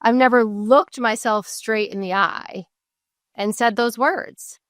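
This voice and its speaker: A woman in her forties, appearing as a podcast guest, speaks openly and reflectively about her work and self-worth in a candid conversational interview, with many restarts and fillers. She's tearful at moments, and her slightly high voice moves slowly, in studio-quality sound with no room sound.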